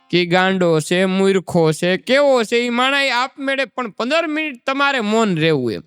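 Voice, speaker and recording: A man's voice: high voice, a bit bright, clear, resonant tone, no echo, big-room sound. A man, doing folk stand-up comedy and telling chatty anecdotes. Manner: chatty, anecdotal, recites verse. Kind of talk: Gujarati folk stand-up storytelling.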